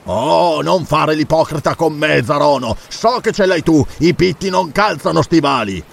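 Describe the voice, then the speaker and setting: A man voicing a brash, mocking pirate captain in an audiobook, loud and bluff. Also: a little high, lively intonation, normal speed, gravelly. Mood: shrewd. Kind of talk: audiobook character reading.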